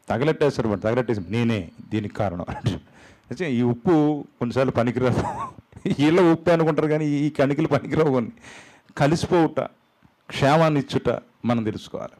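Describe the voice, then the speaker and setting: A man preaching a sermon, animated, acting out quotes with big jumps and drops in pitch, slipping English phrases in. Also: brisk, poor audio. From India. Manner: mixes English phrases into his talk. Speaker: pastor.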